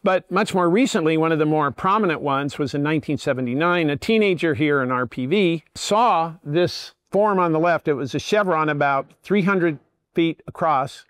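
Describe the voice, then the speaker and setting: Older male lecturer who lays out his points step by step, slightly raised pitch, dry close sound. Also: normal speed, clear, resonant tone, no room sound. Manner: plain, methodical explaining. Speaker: guest lecturer. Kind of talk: public lecture.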